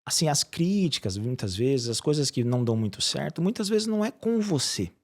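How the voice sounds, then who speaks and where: A man's voice: a little high, a little fast. A middle-aged Brazilian man, a surgeon, chats as an interview guest. He tells stories earnestly and acts out the voices of the people in them. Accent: Brazilian Portuguese. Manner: earnest storytelling with lively acted quotes. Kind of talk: casual interview chat.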